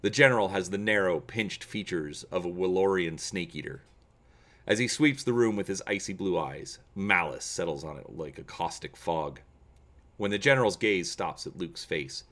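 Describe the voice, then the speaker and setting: Pitched low, this gaming channel host walks his audience through things and performs read-alouds theatrically, leaning hard on emphasis.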